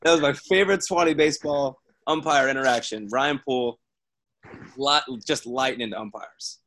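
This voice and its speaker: A man's voice: medium pitch, moderate pace. Man telling a locker-room story. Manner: animated, laughing storyteller. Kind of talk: casual chat.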